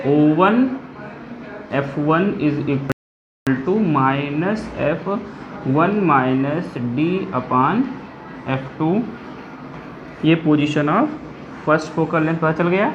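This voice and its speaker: A physics teacher working through a derivation step by step. The teacher dictates formulas deliberately, mixes in English technical terms and often stops to ask whether it is clear. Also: medium pitch, noisy background. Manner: switches between Hindi and English technical phrases. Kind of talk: blackboard-style lecture working through a derivation. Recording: echoey room, dull lo-fi sound.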